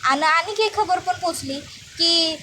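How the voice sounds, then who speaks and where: A woman's voice: extremely high pitch, unhurried, sharp tone, slight background noise, heavily acted. A woman voicing a nosy village mason who gossips and boasts about winning a bet.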